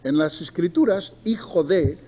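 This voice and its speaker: With lively intonation and a warm tone, this middle-aged preacher from Barcelona speaks unhurriedly in a voice on the high side, his accent from Spain. He reads from the Bible, tells stories, repeats himself for emphasis and makes conversational asides to the congregation. Noticeable background noise runs through the clip.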